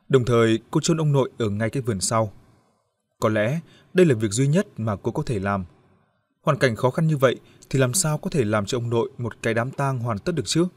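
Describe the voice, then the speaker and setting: A man's voice: mid-range voice, no echo, clean studio sound. Man narrating a grim story. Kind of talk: scripted audiobook narration.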